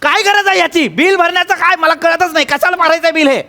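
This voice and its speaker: A man's voice: very high voice, bright, forceful tone, slight background noise, heavily acted. An actor playing a harried eldest son who pleads with his siblings to share a bill, in a stage comedy sketch. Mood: exasperated. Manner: flustered, pleading, rapid. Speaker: comic actor. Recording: reverberant stage hall.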